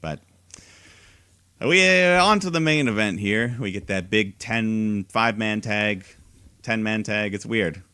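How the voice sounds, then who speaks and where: A man's voice: on the low side, measured pace, pushed and bright, clear, resonant tone, no echo. A man co-hosting a podcast, recapping wrestling shows in a laid-back casual way and laughing often. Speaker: podcast co-host.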